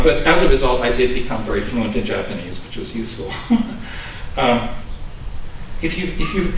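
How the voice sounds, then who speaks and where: Chuckling older man, echoey distant dharma talk. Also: mid-range voice. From Los Angeles, USA. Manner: conversational and chuckling, self-deprecating. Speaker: Buddhist minister. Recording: echoey room, distant mic, background noise.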